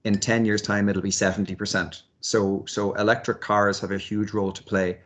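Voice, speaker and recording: A man's voice: lowish voice, level tone, normal speed, a bit bright. A man giving thoughtful, hesitant interview answers, often repeating words as he works out his ideas. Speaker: university lecturer and researcher, interviewee.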